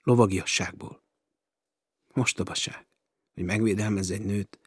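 A young woman hiding as a boy, defiant and pleading, as a male reader voices her. The voice stays low and husky, dry and close to the mic. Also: fairly even intonation, dry recording.

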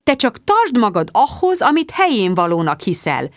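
A woman voicing a fussy, chirpy middle-aged mother who gushes advice in a high, sing-song voice. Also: very animated, dry recording, studio quality. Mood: scolding.

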